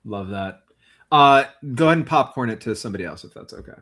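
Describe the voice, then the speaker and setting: A man's voice: mid-range voice, expressive, quick pace, a bit bright, slight background noise. A man hosting a livestreamed tabletop game as game master, upbeat and explanatory, addressing the chat directly. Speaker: game master and stream host.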